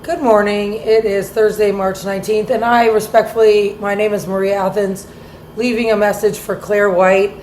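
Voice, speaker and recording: A woman leaving a long, halting, apologetic voicemail, heard over a landline phone. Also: mid-range voice, level tone, darkish tone, roomy sound, a little hiss or hum, poor audio. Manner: halting, repeats herself, earnest and apologetic. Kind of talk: rambling voicemail message.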